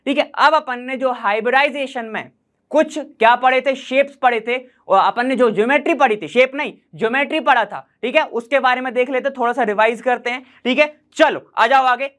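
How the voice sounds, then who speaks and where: A man with a very high, fairly bright voice teaches chemistry in an online lecture, casual and chatty as he draws on a board. He often checks whether students are following and repeats key terms slowly.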